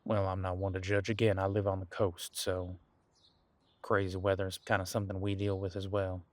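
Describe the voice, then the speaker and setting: This low, monotone voice moves a little fast and sounds close to how the man normally talks. He's voicing an ancient, easygoing demon detective from the coast, musing aloud in a relaxed, folksy manner as a one-sided conversational roleplay. The recording has no room sound.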